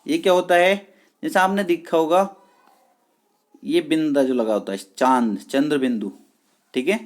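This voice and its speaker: A teacher giving an online exam-prep lesson, repeating key words slowly and checking with the class whether it is clear. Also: medium pitch. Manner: addresses viewers as friends, patient and repetitive.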